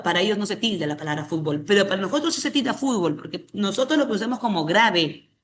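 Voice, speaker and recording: A woman's voice: mid-range voice, a bit bright. A woman with a Peruvian Spanish accent teaching an exam-prep language class. She puts questions to the class, answers them herself and often adds a tag question. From Peru.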